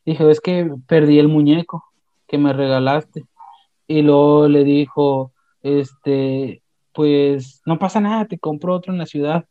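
Young man, Mexican accent, slangy animated storytelling, higher voice, dull dry lo-fi sound. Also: slow pace, no echo. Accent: Mexican Spanish. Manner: slangy, animated retelling with many restarts. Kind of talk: casual chat retelling an anime.

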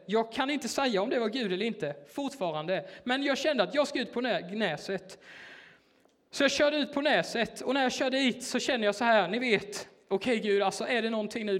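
A man's voice: high voice, a bit bright. A man preaching in a church, telling a personal story in a casual, hesitant way with many fillers. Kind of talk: sermon told as a personal story.

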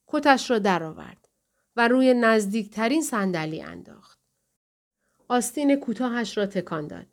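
Female audiobook narrator, measured and calm. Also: fairly high pitch.

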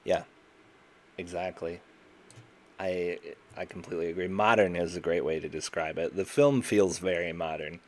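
A man's voice: low-pitched, moderate pace. A man co-hosting a film podcast in casual chat, rambling and correcting himself, laughing often. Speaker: podcast co-host.

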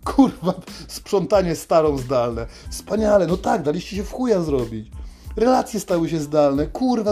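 A man's voice: high voice, dark tone. Foul-mouthed ranting young man. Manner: crude, swearing constantly, sarcastic ranting. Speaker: comedian. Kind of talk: profane comic rant.

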